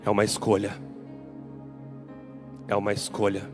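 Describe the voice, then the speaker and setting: A man's voice: on the low side, monotone, normal speed, music in the background. A man with a Brazilian Portuguese accent, a pastor delivering a sermon in an emphatic, repetitive preaching style.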